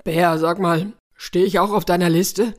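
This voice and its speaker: A woman's voice: on the low side, fairly even intonation, unhurried, lightly acted. A woman voicing a nervous wild boar in a storybook, hesitating with filler sounds. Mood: anxious.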